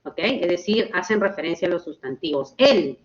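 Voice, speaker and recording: A woman teaching a grammar lesson online, explaining slowly and checking in with her students. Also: fairly low pitch, expressive, dull audio. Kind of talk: online class lecture.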